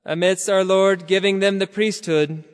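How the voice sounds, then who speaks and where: A man preaching a sermon slowly and solemnly, sometimes half-chanting his phrases. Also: high-pitched, steady tone, big-room sound.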